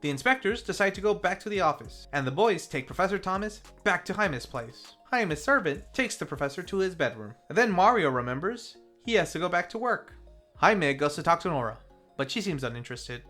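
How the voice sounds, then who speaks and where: A film review host of unclear gender narrates a playful, casual scripted recap in a mid-pitched voice with animated intonation. The delivery is fairly quick, and faint music plays underneath.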